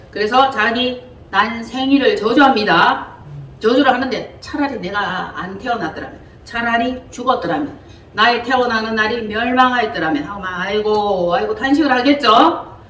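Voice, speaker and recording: A woman's voice: fairly high pitch, moderate pace. Lady teaching a bible class, chatty, keeps asking the room questions, far off mic, echoey. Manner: lively, colloquial, quizzes listeners. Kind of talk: interactive Bible lesson.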